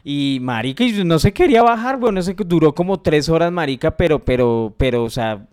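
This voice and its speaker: A man's voice: a little high, animated, a little fast, a little mellow, smooth. A young man telling a concert story in casual podcast chat, rambling and full of slang fillers. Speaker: podcast co-host.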